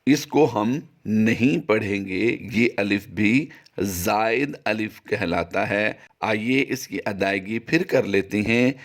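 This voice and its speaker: A man teaches Quran reading in a recorded tajweed lesson. He explains with patience and draws out each sample word in a long, high chant.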